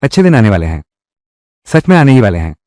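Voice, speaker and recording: A man's voice: on the low side, big pitch swings, fast talker, dark tone, no room sound, clean studio sound. Man acting a village town crier making proclamations. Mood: proud, announcing.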